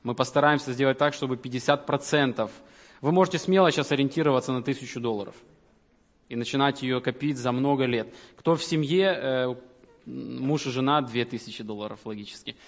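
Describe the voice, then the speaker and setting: A man giving announcements to his congregation as the leader of a church Bible school, earnest and halting, often restarting his sentences. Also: medium pitch. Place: church hall. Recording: reverberant hall.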